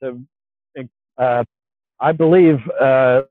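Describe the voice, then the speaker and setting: A man speaks haltingly through a call connection that keeps glitching and dropping out, stopping on fillers and restarting his sentences. The sound is narrow and phone-like. It is also very dry, with no room around it. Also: mid-range voice, fairly even intonation, dry recording. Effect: choppy audio cutting out over a call connection. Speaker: guest. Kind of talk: casual interview over an online call.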